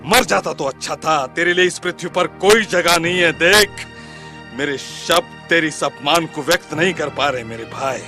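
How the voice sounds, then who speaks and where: An actor delivering a grieving, outraged lament in a film, declaiming and rising to cries. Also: male voice, on the high side, moderate pace, sharp tone, faint music behind. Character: grieving, outraged man lamenting human cruelty. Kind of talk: dramatic film monologue.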